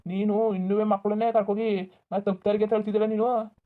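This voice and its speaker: A voice actor playing an angry young man who scolds his family in a village cartoon, shouting and bitter. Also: mid-range voice, little pitch movement, fairly quick, natural voice. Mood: furious scolding. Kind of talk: Kannada village cartoon dub. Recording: tinny phone-like audio.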